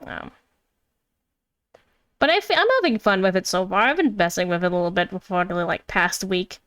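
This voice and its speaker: A woman chats casually on a game livestream, rambling and thinking aloud in a playful, giggly, self-deprecating way. Her voice is medium-pitched, brisk, and a bit bright.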